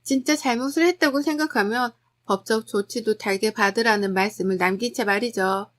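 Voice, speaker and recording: A woman's voice: a little high, brisk, fairly bright tone. A woman telling a first-person family story as scripted narration, in a chatty, gossipy confessional way.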